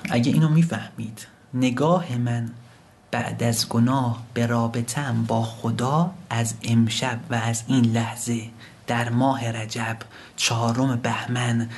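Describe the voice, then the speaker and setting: Male preacher, mid-pitched, emotionally charged storytelling sermon, loud-to-whisper swings. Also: slight background noise. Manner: impassioned storytelling, swells loud and drops to whispers; recites Arabic scripture slowly.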